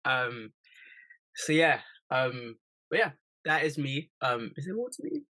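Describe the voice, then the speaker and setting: A young man in his early twenties from East London with a bright, forward tone. He co-hosts a podcast and keeps it playful, joking his way through casual chat. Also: medium pitch, very animated, measured pace, low-quality recording. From East London, England. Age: 20s. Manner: playful, jokey. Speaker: podcast co-host.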